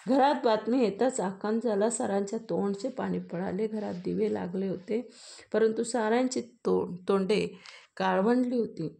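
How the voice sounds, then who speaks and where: A woman reading a classic storybook aloud in a measured way, pausing to explain old words. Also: mid-range voice, steady tone, vocal fry, mellow.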